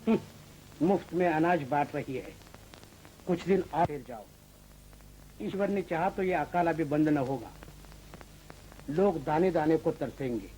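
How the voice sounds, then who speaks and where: A man's voice: fairly high pitch, lively intonation, measured pace, long pauses, dark tone, slight background noise, low-quality recording. A man playing a greedy village landlord who profits from famine, talking in a smug, scheming way in 1940s film style. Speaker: wealthy landlord.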